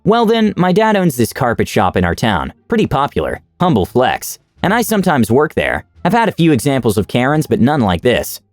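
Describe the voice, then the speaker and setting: A man narrating online stories as scripted narration, with an expressive reading. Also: medium pitch, a little fast, few pauses, dry recording, faint music behind. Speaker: story narrator.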